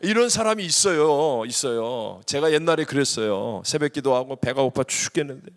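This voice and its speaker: Animated preaching pastor, man, hall reverb. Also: medium pitch, normal speed. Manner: animated preaching, mimics prayers, swings from loud to hushed. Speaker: senior pastor. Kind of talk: sermon. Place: large church sanctuary.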